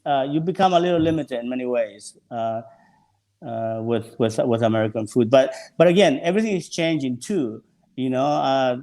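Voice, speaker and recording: Male sommelier guest, gravelly mid-pitched voice, relaxed and unhurried, often feeling for the next word. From El Salvador. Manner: relaxed, searching for words. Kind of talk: casual interview chat.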